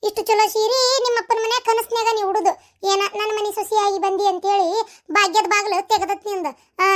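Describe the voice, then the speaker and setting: A woman playing a high, quick, bossy mother-in-law. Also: a bit bright. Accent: North Karnataka Kannada. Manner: scolding, mocking, bossy. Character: bossy sharp-tongued older mother-in-law. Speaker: comedy sketch performer. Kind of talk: comic family skit.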